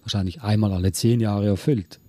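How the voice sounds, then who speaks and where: A man from Switzerland with a Swiss German accent, reading poems aloud and chatting in a gentle, reflective way. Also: lowish voice, fairly even intonation, brisk, dry recording. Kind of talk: casual conversation and poem reading.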